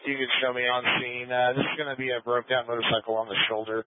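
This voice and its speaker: A man's voice: mid-range voice, little pitch movement, fast, very noisy. A man working as a firefighter, reporting over a two-way emergency radio in clipped talk with fillers. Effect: two-way emergency radio transmission. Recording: tinny dry radio transmission.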